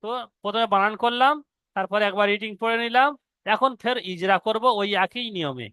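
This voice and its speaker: A man teaching Quran reading to students, spelling out each letter and syllable slowly. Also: high voice, bright, forceful tone, smooth, dry recording. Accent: Indian Bengali. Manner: slow, drawn-out syllable-by-syllable spelling. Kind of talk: spelling-out recitation lesson.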